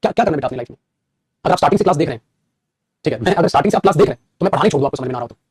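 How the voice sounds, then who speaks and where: A man's voice: fairly high pitch, very fast, slight background noise. A man teaching English grammar in an online class, coaxing and scolding his students and calling them 'beta'. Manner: animated, calls students 'beta', scolds and coaxes.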